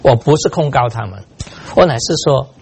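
An older male pastor preaching with a gravelly, creaky voice at a middling pitch. He tells his stories with animation, drops in English words and chuckles at his own misfortunes. A faint hiss sits under the recording. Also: normal speed. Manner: animated storytelling, mixing in English words, laughing at himself. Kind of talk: sermon with personal stories.

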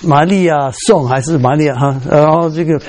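A middle-aged man preaching a sermon, telling stories in an animated way, scattering English fillers through his speech, his voice leaping up when he acts out strong feelings. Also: normal speed. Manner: animated storytelling, voice jumps high when acting out emotion.

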